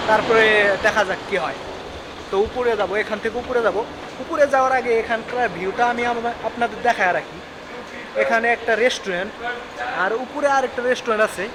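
A young man from Bangladesh with a Bangladeshi Bengali accent, chatting repetitively to his viewers as a travel vlogger outdoors on a hilltop, filmed on a handheld phone. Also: very high voice. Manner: chatty, repetitive, keeps addressing viewers as guys. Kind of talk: casual travel vlog narration. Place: outdoors on a hilltop site, in the rain. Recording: noisy outdoor phone recording.

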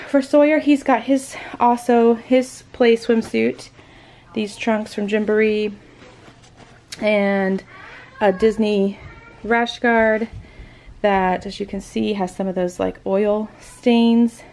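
Chatty mom vlogger with gravelly edge. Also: female voice, mid-range voice, darkish tone. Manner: chatty, lists items while packing. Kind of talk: casual packing vlog narration. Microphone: camera pointed down at items, speaker off-screen.

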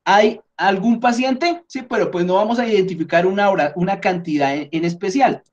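A man's voice: high voice, moderate pace. Patient male English teacher, lo-fi recording. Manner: patient, step-by-step explaining with frequent check-ins; thinks aloud and corrects himself while editing on screen. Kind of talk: online lesson explained in Spanish.

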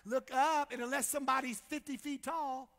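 A man's voice: very high voice, fairly even intonation, normal speed, a bit bright, in a large hall. A male pastor preaching a fiery sermon with call-and-response and lots of repetition. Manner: impassioned preaching, call-and-response, repeats phrases.

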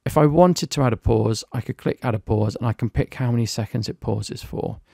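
A man giving a relaxed software review, talking through each step on screen as he clicks. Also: medium pitch, fairly quick, gravelly, no echo, clean studio sound. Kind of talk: screen-recorded software walkthrough.

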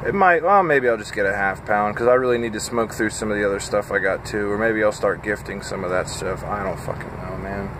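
Holding his phone at arm's length inside his parked truck cab, a tired thirty-something driver rambles haltingly through a casual vlog chat, full of fillers and a bit scattered. His voice sits on the low side but is fairly bright, with a little hiss or hum.

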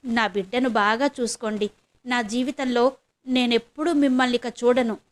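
A woman's voice: on the high side, fairly even intonation, moderate pace, close to an everyday voice. A woman narrator voicing a remorseful birth mother who confesses in a storybook reading. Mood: pleading. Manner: confessing, regretful.

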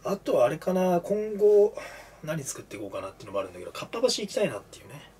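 Brisk, animated young man chatting casually. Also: a little high, slightly rough, distant mic. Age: young adult. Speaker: cooking show host. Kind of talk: casual chat over food. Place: small cluttered kitchen, indoors.

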